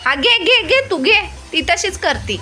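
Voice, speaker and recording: A very high-pitched woman with a bouncy, animated voice, talking to her phone camera at home. She coaxes and scolds her little ones in a casual family vlog, with music playing behind her. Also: unhurried. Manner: coaxing and scolding small children. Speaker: mother filming her children.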